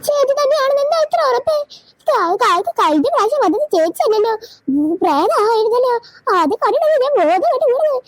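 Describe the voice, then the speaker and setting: A woman's voice: very high-pitched, sing-song, a little fast, no echo. A woman voicing a frightened little girl in a cartoon, whiny and pleading. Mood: scared, tearful. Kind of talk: cartoon voice acting.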